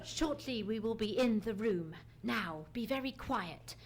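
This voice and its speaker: On a theatre stage, a woman actor with a high-leaning, animated voice plays a keen, commanding male detective in a live old-time radio mystery. She speaks at a measured pace, precise and theatrical, with a brisk, commanding mood, in a noisy live recording.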